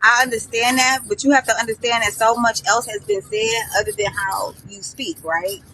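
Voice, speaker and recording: A woman moderates a casual online panel in a slightly high voice. She is firm and explanatory, over slightly noisy audio with clicks. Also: fairly even intonation, normal speed, bright, forceful tone. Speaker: panel host.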